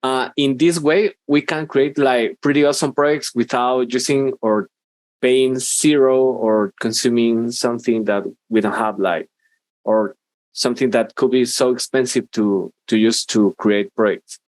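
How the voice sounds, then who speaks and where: A man's voice: medium pitch, fairly even intonation, measured pace, no echo. A man in his thirties from Guatemala with a Guatemalan Spanish accent, giving an informal, hesitant conference talk on a headset from a small room. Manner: informal, hesitant, many fillers and restarts. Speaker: university professor and conference speaker. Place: small room indoors, video call.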